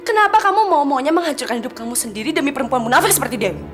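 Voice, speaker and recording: A woman's voice: high-pitched, lively intonation, music in the background. An actress playing a cruel, vengeful young woman who speaks coldly and with scorn. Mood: scornful. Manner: scornful, cold, quick.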